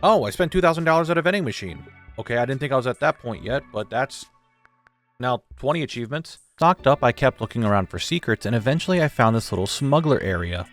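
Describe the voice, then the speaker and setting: A man's voice: medium pitch, lively intonation, quick pace, fairly bright tone, faint music behind. A young man giving a casual, joking scripted recap of his video game playthrough. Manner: informal, joking, occasional swearing. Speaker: gaming video creator.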